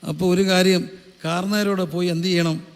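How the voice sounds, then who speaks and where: A man preaching as a pastor, with a high voice that carries through a reverberant hall. He keeps questioning the congregation and answering back in a call-and-response rhythm. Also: level tone, fairly quick, clean tone. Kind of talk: sermon.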